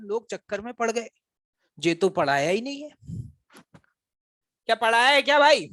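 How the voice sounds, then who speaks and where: Male physics teacher, high-pitched, dry sound, quizzes and ribs the class. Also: fairly bright tone, no echo. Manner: quizzes and teases students, addresses them as brothers. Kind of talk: classroom lecture. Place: classroom with students.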